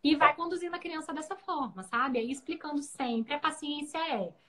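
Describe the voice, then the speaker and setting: A woman giving parenting advice in a casual live chat, animated, acting out parents' and children's voices. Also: sits high, moderate pace. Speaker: guest parenting educator. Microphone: video call.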